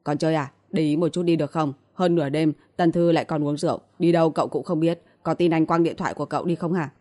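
A woman's voice: low-pitched, fairly even intonation, quick pace, a little mellow. A woman voicing a blunt, protective young man who scolds curtly, in an audiobook reading. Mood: scolding. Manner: curt and scolding.

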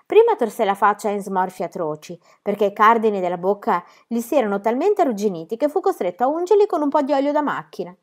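Woman doing a cheeky little girl, storybook reading, boastful, theatrical, higher, louder. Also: lively intonation, fast talker, few pauses, natural voice. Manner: exuberant, theatrical, tall-tale telling.

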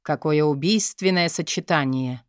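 A woman voicing a domineering, mocking male boss in an audiobook, speaking low and menacing. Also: normal speed, clean tone, no room sound, studio quality, lightly acted.

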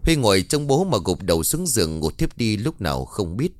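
A man narrating a scripted family drama story in a lively, dramatic way. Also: lowish voice, fairly quick, no room sound. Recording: dry close voice with faint music.

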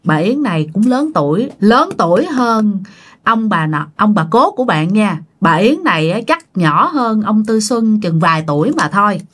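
A woman with a Southern Vietnamese accent tells a ghost story in a chatty way, speaking straight to her listeners. Her medium-pitched voice has big pitch swings, and she talks at a moderate pace.

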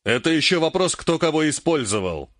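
A man reading an audiobook, voicing an emperor who speaks softly and in a measured way. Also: fairly high pitch, very animated, no echo, clean studio sound. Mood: stern irritated. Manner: soft, placating, measured. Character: calm, mild-mannered male emperor, later irritated.

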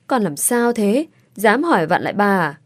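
A woman voicing a stern but soft-hearted older father in a storybook reading, speaking in a gruff, scolding way. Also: medium pitch, very animated, moderate pace, dry recording, studio quality.

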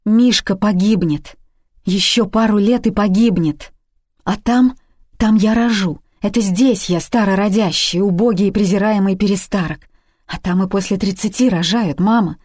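A woman's voice: on the low side, steady tone, normal speed, a little mellow, no room sound, studio quality, lightly acted. A woman reading the part of a desperate daughter around thirty who pleads urgently and emotionally with her mother in a story. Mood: pleading.

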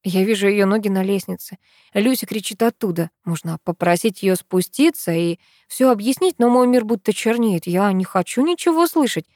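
A woman's voice: mid-range voice, animated, moderate pace, warm tone, dry recording, clean studio sound. A woman reading a first-person story aloud in an earnest, emotional way.

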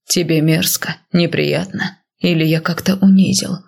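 A woman reading the lines of a possessive, commanding husband in an audiobook, low and half-whispered. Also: steady tone, a little slow, darkish tone, full character voice. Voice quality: husky, breathy.

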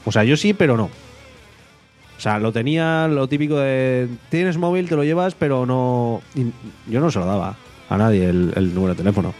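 Man, casual storytelling, mid pitch, faint guitar music. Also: normal speed. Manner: animated, laughing, shrill acted quotes. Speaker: podcast co-host.

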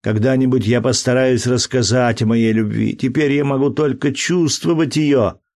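A man reading an audiobook, voicing an earnest, emotional young man deeply in love in a fervent, slow delivery. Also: steady tone, darkish tone, no room sound, clean studio sound, lightly acted.

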